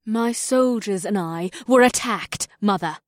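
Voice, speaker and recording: A man's voice: high voice, a little slow, dry recording, studio quality, voice pushed up. A man voicing a bold, commanding young elven princess in an audiobook, speaking urgently. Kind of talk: audiobook character voice.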